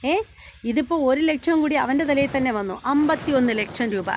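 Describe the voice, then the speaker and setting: A woman's voice: on the high side, fairly quick, a bit bright, slight background noise, natural voice. A woman voicing an angry young man who scolds and taunts his relatives during a family quarrel in a serial recap. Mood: scolding.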